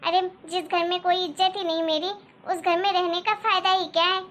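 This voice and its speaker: For a Hindi cartoon story's dialogue, a woman voices a resentful young daughter-in-law who complains sarcastically. She speaks briskly in a very high, fairly bright voice with a level tone.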